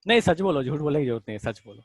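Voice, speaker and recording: A man teaching an online chemistry revision class, talking quickly and casually and calling his students "beta". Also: a little high, expressive, no echo. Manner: fast-talking, addresses students as beta, casual Hinglish asides.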